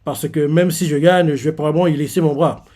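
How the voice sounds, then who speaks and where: A man's voice: fairly high pitch, steady tone, brisk, mellow, lightly acted. Man reading out a cool aloof swordsman. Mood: dismissive. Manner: dismissive, cool retorts.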